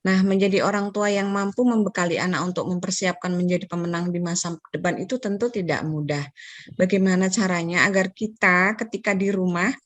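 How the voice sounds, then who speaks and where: A woman's voice: lowish voice, steady tone, fairly quick, no echo. Woman moderator on a video call, polite, hesitant fillers, dry close sound. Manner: polite, reads out questions, filler-heavy. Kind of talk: moderating an online Q&A.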